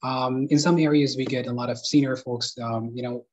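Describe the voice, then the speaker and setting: A man's voice: mid-range voice, fairly even intonation, moderate pace. A young man from Sudan speaking on a conference panel over a video call from his living room, hesitant with many fillers and restarts. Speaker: panelist and moderator. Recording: dull lo-fi video call audio.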